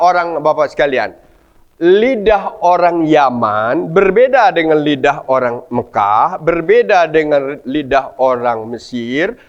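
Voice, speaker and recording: A man giving a study sermon at a mosque, animated, often putting rhetorical questions to his listeners. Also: fairly high pitch, muffled recording. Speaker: preacher.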